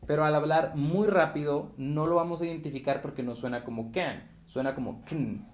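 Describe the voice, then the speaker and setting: A Spanish-speaking man teaches an English pronunciation lesson in an echoey room. He explains patiently and says the example words over slowly. His voice sits slightly high. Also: a little hiss or hum.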